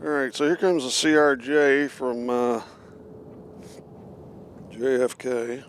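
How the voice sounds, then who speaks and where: A man's voice: mid-range voice, fairly even intonation, slow, a little hiss or hum. A man hosting a casual live stream outdoors at an airport, chatting and reading out viewer comments. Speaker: livestream host.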